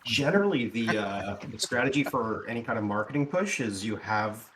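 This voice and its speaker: A man, a game developer, explaining things casually on a live stream while his voice-call audio breaks up, robotic and glitchy with jumping pitch. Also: lively intonation, fairly quick, fairly bright tone, a little hiss or hum, low-quality recording. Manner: explains at length, loose and informal. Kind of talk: casual chat on a dev stream.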